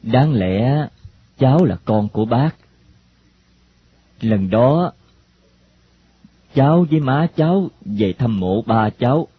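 A man voicing a calm, friendly middle-aged stranger, speaking slowly and hesitantly. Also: mid-range voice, slightly rough. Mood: confiding. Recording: dull lo-fi recording, faint hiss.

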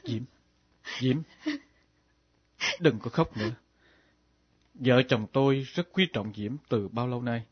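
An actor playing a bereaved, bewildered husband speaking earnestly in a radio drama. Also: male voice, medium pitch, takes it slowly, pauses often, breathy edge, dry recording. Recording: dull lo-fi old radio recording.

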